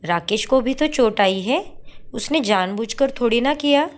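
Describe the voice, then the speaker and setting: A woman voicing a caring young wife in a cartoon story, calm and reassuring. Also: a little high, a little slow.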